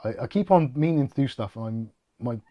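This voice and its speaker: A middle-aged British host of a tech channel livestream rambles and jokes at his own expense while reading viewer comments. He speaks briskly and expressively at medium pitch, and the recording's highs are cut off.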